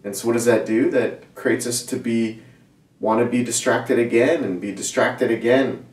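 Middle-aged male pastor, casual conversational sermon, mid pitch, recorded in a reverberant room from a distance. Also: normal speed. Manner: conversational, animated hand gestures, frequent restarts. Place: small church studio set, indoors. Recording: roomy echo, mic at a distance.

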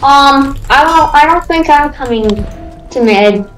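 A young woman with a slightly high voice chats while gaming with a friend. She hesitates, restarts and fills pauses, and jokes along as they play. Loud game music plays behind her. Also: lively intonation, reverberant, low-quality recording. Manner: hesitant, filler-heavy, playful. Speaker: guest gamer. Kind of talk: casual gameplay chat.

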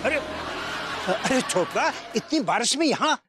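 Lovesick old Indian uncle, swooping delivery. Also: male voice, very high-pitched, lively intonation, a little slow. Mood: puzzled. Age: 70s. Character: gullible, lovesick elderly neighbourhood uncle. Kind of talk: TV sitcom acting. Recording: loud music under dialogue.

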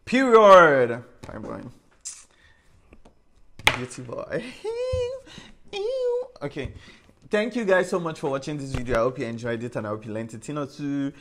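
A man's voice: medium pitch, fast, fairly bright tone, slight background noise. Sassy, chatty young man. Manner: chatty, sassy, full of "like" and "period". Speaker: beauty influencer. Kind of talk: casual chat while doing makeup.

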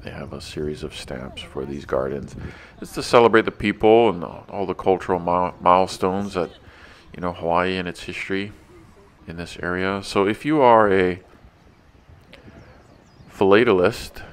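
A man narrating his walking tour in a relaxed, chatty way, stopping now and then to correct himself. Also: low voice. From not from the local area. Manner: relaxed, chatty guide with small restarts.

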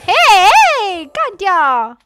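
A young woman hosting a gaming channel, commenting excitedly on her play with dramatic whining, fake crying and playful chanting. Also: very high voice, extremely slow, over loud music.

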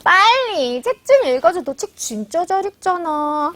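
A woman's voice: very high-pitched, very animated, a little slow, fairly bright tone, no room sound, exaggerated voice. A woman doing a pushy, eager young hare. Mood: pleading. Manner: pleading, pushy. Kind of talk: storybook character voice.

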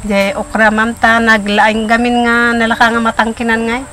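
A middle-aged Filipino farm woman talks plainly and steadily in an outdoor interview. Her pitch barely moves. Faint outdoor noise sits under her voice. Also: completely flat delivery, normal speed, pushed and bright. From Philippines. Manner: plain, listing crops steadily. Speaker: farmer. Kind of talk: documentary interview. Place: outdoors by a rural pond.

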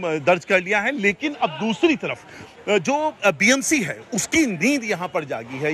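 A man's voice: sits high, a bit bright. A man in his forties reporting live outdoors for a news channel, speaking into a handheld mic, with frequent hesitations and restarts. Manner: hesitant, many fillers and restarts. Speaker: field reporter. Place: outdoors beside a demolition site.

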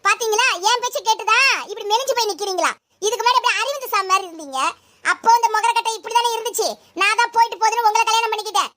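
In a comedy sketch, a woman plays a young daughter-in-law filming a vlog who talks back to her mother-in-law, sugary to the camera but defensive and snippy otherwise. Her voice is very high-pitched, racing, pushed and bright, with slight background noise.

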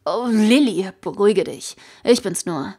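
A woman reading the part of a calm, caring teenage boy in a fan audiobook, speaking softly, at times almost in a whisper. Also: mid-range voice, a little slow.

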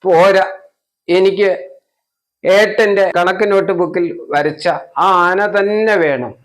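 A man's voice: high-pitched, slow, voice pushed up. A man voicing a small, stubborn little boy who cries and pleads insistently. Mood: tearful, stubborn. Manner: whiny, insistent, tearful pleading.

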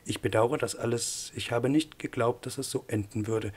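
A man's voice: medium pitch, moderate pace, husky, close to an everyday voice. A man voicing a weary, sardonic old male professor in an audiobook, speaking in a dry, clipped way. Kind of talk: audiobook character voice.

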